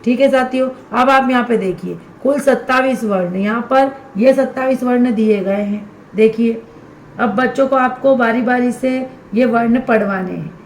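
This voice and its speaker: Woman teacher, slightly high voice, patient explanatory walkthrough, faint background hiss. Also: normal speed, echoey room. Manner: explanatory, repeatedly addressing fellow teachers. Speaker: primary school teacher.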